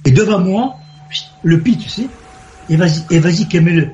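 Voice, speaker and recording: Excitable male caller on a dull line. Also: high voice, moderate pace, slight background noise. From southwest France. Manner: excitable, storytelling, effusive. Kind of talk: phone-in chat.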